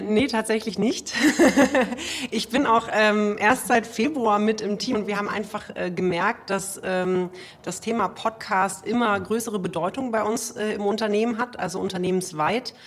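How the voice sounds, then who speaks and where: A woman with a mid-range voice speaks as an interview guest. Her delivery is conversational and explanatory. The sound is that of a low-quality online audio stream. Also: fairly even intonation, moderate pace. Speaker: podcast PR specialist, guest.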